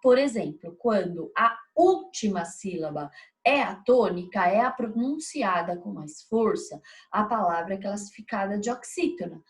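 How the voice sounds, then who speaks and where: A woman's voice: mid-range voice, expressive, unhurried. A woman teaching a video lesson, explaining step by step and checking in with frequent tag questions.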